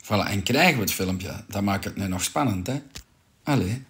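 Pushy Flemish man with a bright voice. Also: lowish voice, animated, normal speed, breathy edge, no echo. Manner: insistent and pushy, repeats "voilà" and "hè". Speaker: coach and shop owner. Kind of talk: live-stream sales pitch answering a viewer.

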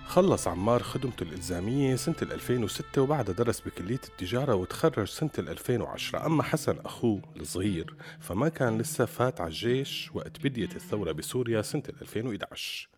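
A man tells a scripted story in a Syrian Arabic accent. His voice sits a little low and moves along at a quick pace, with music behind it. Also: expressive, a little mellow. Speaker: storyteller, narrator of a story programme. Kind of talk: scripted storytelling narration with acted quotes.

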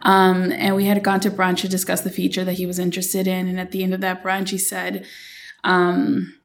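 A woman from Los Angeles, a screenwriter guest on a podcast, telling her story in a lively way with lots of "um" and "like.". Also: fairly low pitch, normal speed, creaky, a little hiss or hum. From Los Angeles, USA. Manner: animated storyteller, many fillers and restarts. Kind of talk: interview storytelling.

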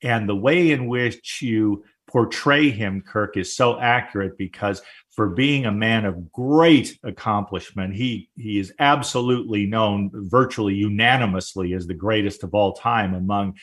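Podcast host guy, low voice, measured and polished. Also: fairly bright tone. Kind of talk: interview host chat.

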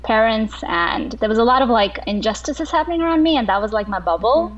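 A woman's voice: fairly high pitch, expressive, a little fast. A woman from Kuwait, a filmmaker on a panel, answering reflectively with frequent restarts. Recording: slightly dull lo-fi audio.

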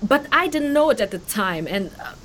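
An actress portrays a stubborn young refugee consumed by guilt in a fantasy audio drama, speaking emotionally, haltingly and earnestly with guilt and frustration. Her medium-pitched voice is very animated and a bit bright, with slight background noise.

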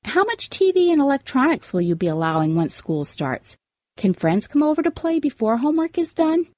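A woman presents scripted advice like an upbeat, organized vlogger. Her intonation is very lively, stressing each item in turn, and the sound is dry, with hardly any room. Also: high-pitched, fairly quick, dry recording. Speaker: podcast host giving parenting tips.

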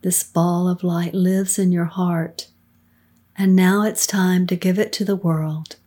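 Middle aged lady doing guided meditation, really slow breathy soothing voice, calm and hushed. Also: fairly low pitch. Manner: slow, calm, unhurried, hushed phrase endings. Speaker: guided meditation leader, podcast co-host.

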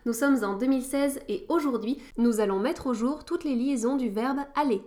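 A woman's voice: high-pitched, normal speed, a little mellow. Wry woman hosting a language podcast. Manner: wry, playful teacher's tone. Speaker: podcast host. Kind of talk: scripted podcast lesson.

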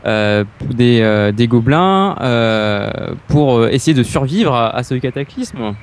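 A man co-hosting a casual podcast, speaking hesitantly with many pauses. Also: mid-range voice, animated. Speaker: podcast co-host. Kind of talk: casual chat.

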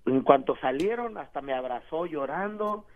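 A man's voice: a little high, normal speed. Slangy Mexican man on a tinny phone line. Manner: slangy, animated storyteller. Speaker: caller. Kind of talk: casual phone-in storytelling. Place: phone call into a radio show.

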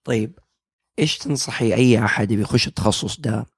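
A man's voice: mid-range voice, brisk, husky, no echo, studio quality. A man hosting a casual podcast interview, asking short, chatty questions. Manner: asks short prompts, chatty. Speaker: podcast host.

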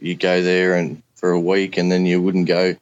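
As a podcast guest, a thirtysomething Australian bloke recounts a personal story in a relaxed, colloquial, working-man way. He speaks low and monotone at a moderate pace, and the recording sounds muffled.

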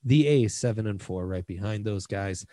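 A man's voice: on the low side, normal speed, dark tone, no room sound, clean studio sound. A man co-hosting a sports betting show, giving casual commentary and running through the numbers.

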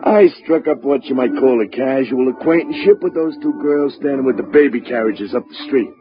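Wisecracking male gumshoe sidekick, acted by a man, cocky and slow-witted, muffled vintage radio sound over music. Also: mid-range voice, lightly acted. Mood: cocky, obliging. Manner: slangy, wisecracking. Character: cocky, dim, flirtatious male detective's sidekick. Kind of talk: 1950s radio drama acting. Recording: dull old radio recording with music.

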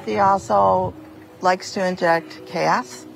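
A woman's voice: on the low side, steady tone, slow pace, vocal fry, soft background music, rough recording. A woman giving a spontaneous, considered answer in an interview.

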